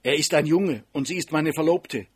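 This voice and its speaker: A jealous young man lashes out in shrill, agitated outbursts , as the narrator puts him on. He rises above the narrator's plain voice and keeps a husky edge. The storybook recording is close and dry. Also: moderate pace, dry recording. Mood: furious.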